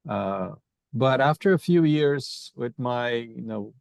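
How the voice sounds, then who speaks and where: A man's voice: medium pitch, expressive, slow, vocal fry, darkish tone, no echo. A man in his fifties from Brazil, a veterinarian guest in a podcast interview, speaking conversationally and repeating words as he thinks.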